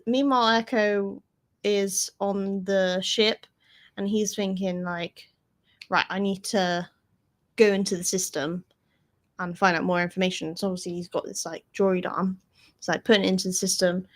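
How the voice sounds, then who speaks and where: A woman's voice: medium pitch, steady tone, a little slow. A woman co-hosting a fan podcast, casually recapping an episode with lots of "like" fillers. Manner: chatty, many "like" fillers and quoted lines. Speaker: podcast co-host.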